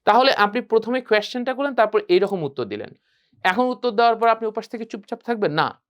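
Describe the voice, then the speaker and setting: A man teaching a spoken English class, animated and drilling phrases by repeating them. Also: high voice, fast talker. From Bangladesh.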